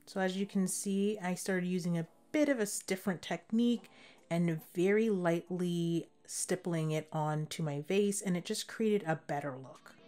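A young woman talks through a home decor craft project step by step, in a relaxed, friendly voice-over. Her voice sits a little low for a woman. Soft music plays faintly under her. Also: normal speed. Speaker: DIY home decor creator.

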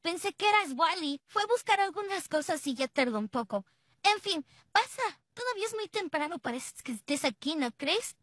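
A sweet, welcoming puppet hostess with a very high, dry voice, voiced by a woman. She talks in a gentle, apologetic way. It belongs to a homemade cartoon puppet dub. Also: big pitch swings, normal speed, no echo, heavily acted. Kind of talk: fan dub of puppet show.

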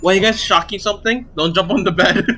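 A man in casual game voice chat, talking excitably and repeating his words to teammates. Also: high-pitched, quick pace. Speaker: multiplayer game player. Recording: voice chat with clear background noise.

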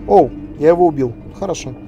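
A man's voice: on the high side, animated, fast, dark tone, dull audio. A man giving casual commentary as he plays a video game. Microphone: voice-over over game audio. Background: game music.

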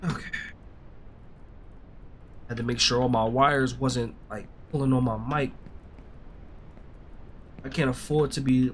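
A man's voice: medium pitch, steady tone, measured pace, pauses often, fairly bright tone, slight background noise. A young man giving casual, slangy gameplay commentary, grumbling in frustration and swearing as he goes. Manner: slangy, swearing, often addressing listeners as bro. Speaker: gaming streamer. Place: indoor streaming setup.

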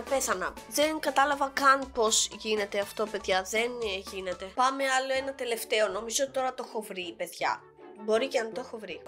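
Young female gamer, sore-throated but animated, shrieking at her game over quiet music. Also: high-pitched. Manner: excitable, exclaiming at the game. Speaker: gaming YouTuber. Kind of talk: gameplay commentary.

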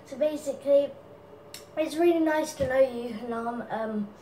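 A woman's voice: high voice, normal speed, mellow, far from the mic, slight background noise. A woman answering fan questions in a casual vlog, giggly and apologetic, with lots of ums. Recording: echoey room, from off mic.

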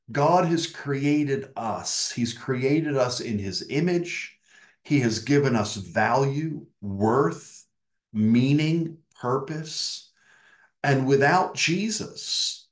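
Slow, emphatic preacher on a video call. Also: male voice, medium pitch. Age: middle-aged. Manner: earnest, emphatic, gestures with his hands, repeats key words. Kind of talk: sermon over video call. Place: home room with tall glazed bookcase. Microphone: webcam on a video call. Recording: echoey room.

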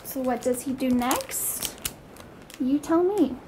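In a high, warm voice with lively intonation and a slow pace, a young woman reads a picture book for small children, describing the pictures and asking simple questions full of wonder. She records in a small room at home, and the rough recording carries noticeable background noise.

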